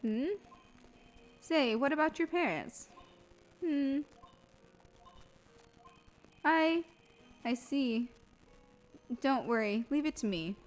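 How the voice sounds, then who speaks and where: A young defense lawyer from a video game sizes up a room with dry, wry remarks, read by a woman in her own voice. The delivery is plain and a little high, with a sardonic edge. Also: lively intonation, slow, long pauses, soft background music, rough recording. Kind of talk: reading game dialogue aloud.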